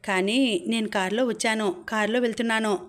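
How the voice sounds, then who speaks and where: Woman reading young man, childhood friend, teasing, easygoing, a touch high, little pitch movement. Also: fairly even intonation, brisk, natural voice. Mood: earnest.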